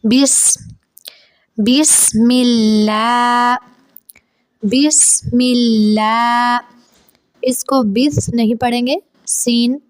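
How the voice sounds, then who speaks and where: A woman's voice: fairly high pitch, smooth, dry recording. A woman teaching Quran recitation, explaining each sound step by step and demonstrating it. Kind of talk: tajweed lesson.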